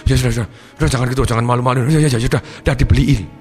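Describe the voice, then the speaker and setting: A man voicing a tired father who hushes and placates his crying child, repeating himself. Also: medium pitch, fairly even intonation, racing, natural voice. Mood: exasperated. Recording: long hall reverb with music behind.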